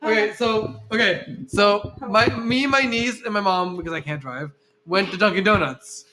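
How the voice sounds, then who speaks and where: A man's voice: sits high, moderate pace, noisy background. A young man telling a funny story in a casual podcast chat, laughing as he goes. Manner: laughs while telling stories. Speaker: podcast co-host.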